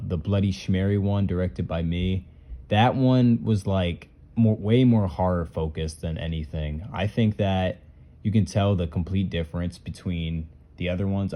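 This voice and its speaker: With a low, warm voice, a puppet skit creator casually talks through his skits and ranks them. His commentary is loose and rambling.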